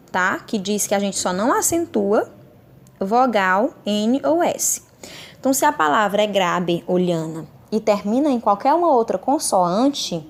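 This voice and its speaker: A woman with a Brazilian Portuguese accent teaching a Spanish lesson, patiently slowing down on example words and checking understanding with tag questions. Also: mid-range voice. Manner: slows down and stresses example words. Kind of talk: recorded classroom lesson.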